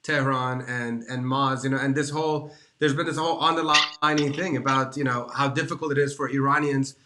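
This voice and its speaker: A man's voice: medium pitch, steady tone, a little fast, noisy background. A man hosting a podcast interview over a video call, rambling and repeating words as he asks his questions. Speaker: podcast host.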